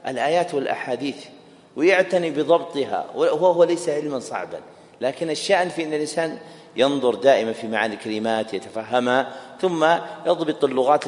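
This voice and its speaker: A man teaching a class, explaining a text, repeating key phrases and quizzing his listeners. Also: a little high. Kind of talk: classroom lecture. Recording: echoey hall with long reverb.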